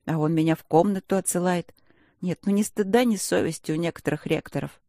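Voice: mid-range voice, brisk, dark tone, dry recording, clean studio sound, natural voice. A narrator voicing a young, proud female werepanther student in a fantasy audiobook, sassy and indignant. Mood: earnest. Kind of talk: audiobook character voice.

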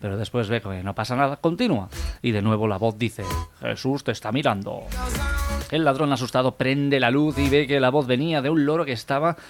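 A man co-hosting a radio comedy show, telling jokes in a steady narrating way. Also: medium pitch, fast talker, over music. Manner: steady narrated joke delivery.

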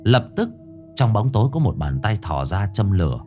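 A man narrating a dark crime story in a grave, dramatic manner. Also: fairly low pitch, very animated, normal speed, faint music behind.

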